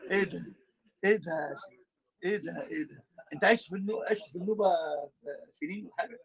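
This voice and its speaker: Speaking fast in a high male voice with vocal fry, an Egyptian sheikh delivers a religious lesson laced with banter. His Egyptian Arabic shifts between colloquial and formal registers as he animatedly teases his students.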